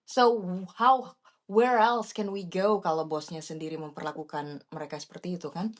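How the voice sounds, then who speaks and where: A young woman on a podcast tells a personal story, and her voice sits a little low. She slips back and forth between two languages, and she gets lively when she acts out what people said to her. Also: moderate pace. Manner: mixes Indonesian and English, animated when quoting herself. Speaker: podcast co-host.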